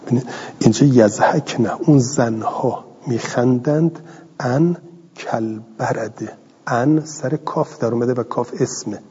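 A middle-aged man teaching a grammar class, reading a line of text and then explaining it slowly and patiently. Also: medium pitch, mellow, husky. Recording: dull lo-fi audio in a hall.

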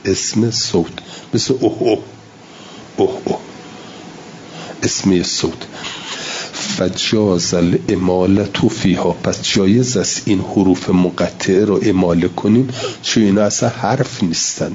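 A man's voice: deep voice, darkish tone, highs cut off, slight background noise. A man lecturing a class on Quran recitation, reading Arabic lines and explaining them in casual Persian, sounding out examples and repeating himself.

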